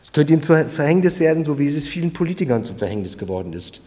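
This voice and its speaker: A man preaching a sermon, emphatic and swinging between loud and quiet, speaking directly to the congregation. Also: fairly high pitch, sing-song, quick pace, in a large hall. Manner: emphatic, rising and falling in volume, addresses listeners directly.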